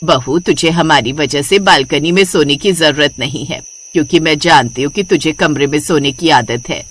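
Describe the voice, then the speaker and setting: Woman voicing kind cartoon mother-in-law, lower voice, affectionate, reassuring. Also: normal speed, fairly bright tone, a little hiss or hum. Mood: fond. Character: kindly mother-in-law Kunti, proud and warm.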